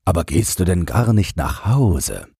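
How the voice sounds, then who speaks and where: A man voicing a kindly older man carrying a basket of rabbit feed, gentle and coaxing. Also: sits low, very animated, measured pace, gravelly, breathy edge, no echo, clean studio sound, exaggerated voice. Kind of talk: audiobook character voice.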